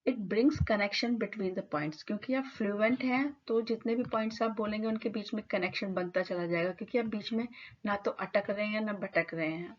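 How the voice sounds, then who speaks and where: A woman teacher lecturing students in a clear, explanatory way, mixing English terms into her speech. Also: medium pitch, normal speed. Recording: slightly dull lo-fi audio.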